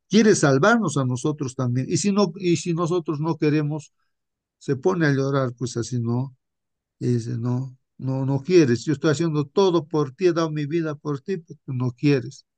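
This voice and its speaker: Gravelly man leading Bible study. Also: medium pitch, a little mellow, dry recording. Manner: rhetorical, repeats 'hermanos' and '¿no?'. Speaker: study group leader. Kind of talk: informal Bible study preaching.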